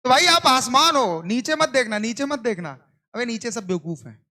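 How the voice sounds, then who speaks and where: A man teaches a coaching class in a very high, animated voice, bright and forceful, at a moderate pace. He lectures through rapid call-and-response questions, repeats answers, and teases sleepy students with mock scolding.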